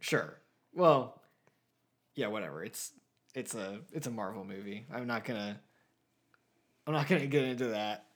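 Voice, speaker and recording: A man's voice: on the low side, animated, normal speed, pauses often. A man co-hosting a casual movie discussion podcast, rambling and full of filler words. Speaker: podcast co-host.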